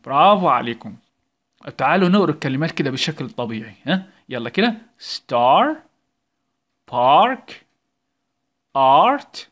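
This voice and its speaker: A man's voice: on the high side, sing-song, unhurried, long pauses, fairly bright tone. A male English teacher with an Egyptian Arabic accent, giving a recorded lesson to young children and calling out words for them to repeat. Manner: coaxing, calls out English words for the class to repeat.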